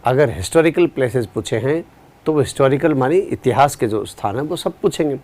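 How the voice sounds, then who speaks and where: Tired at the end of a long day, a male teacher with a mid-range voice runs a live online exam-prep class. He explains things unhurriedly, quizzes students and responds to their chat messages.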